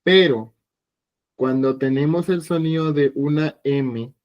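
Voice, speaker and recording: A man teaching an evening language class, patient and explanatory, slowly repeating sounds for his students. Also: fairly high pitch, darkish tone, highs cut off. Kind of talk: online class lesson.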